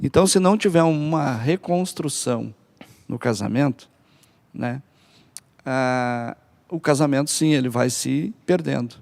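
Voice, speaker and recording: A man's voice: mid-range voice, a little slow, vocal fry, darkish tone. A man from Brazil on a church family-ministry podcast, talking in a hesitant way with many fillers and restarts. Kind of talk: casual church podcast talk.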